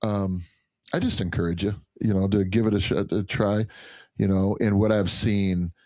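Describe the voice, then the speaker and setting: A man with a very low, mellow voice talks earnestly in a casual podcast conversation, often restarting his thoughts. The sound is dry and close, with no room around it. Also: steady tone, moderate pace, dry recording. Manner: earnest, rambling with many restarts. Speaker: podcast guest, chiropractor.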